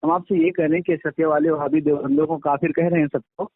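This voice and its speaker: A man's voice: on the high side, little pitch movement, fast, husky, no echo. A man on a phone call who keeps cutting in and insisting on being heard. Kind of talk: heated phone argument. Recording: tinny phone line, dry.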